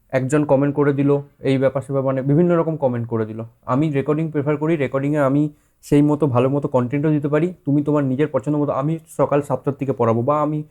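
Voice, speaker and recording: Speaking a little high and mellow, a man presents a course to his students in a relaxed, explanatory way. He says English loanwords with a Bengali accent, rephrases a lot, uses many fillers, and frequently checks in with the class.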